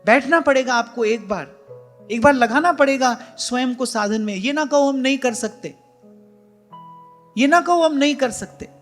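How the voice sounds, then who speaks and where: In an ashram hall, a spiritual teacher gives an earnest devotional discourse, repeating key phrases for emphasis and addressing his listeners directly as "brother." His voice is extremely high-pitched, a little slow and a bit bright, with soft music in the background.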